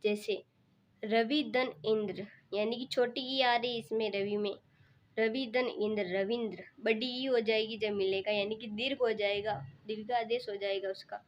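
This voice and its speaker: A woman's voice: fairly even intonation, moderate pace, slight background noise. A woman with a slightly raised voice works through a grammar lesson for exam students. She repeats every step patiently and checks in often. The recording sounds dull and lo-fi. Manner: repetitive, patient step-by-step explaining. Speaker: teacher. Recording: muffled low-fidelity recording.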